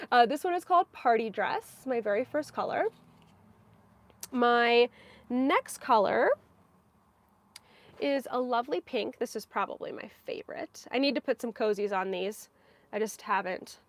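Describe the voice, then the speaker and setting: Chatty, giggly woman with a higher voice. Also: animated, a little slow, pauses often. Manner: chatty and giggly, with frequent fillers. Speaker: knitting podcast host. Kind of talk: casual live-stream chat.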